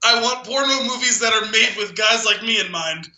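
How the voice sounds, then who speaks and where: In a low-quality, echoey recording, a man co-hosting a podcast talks casually and performs a dramatic poem reading, amused and frequently cracking up. He speaks a little fast in a high, pushed, bright voice.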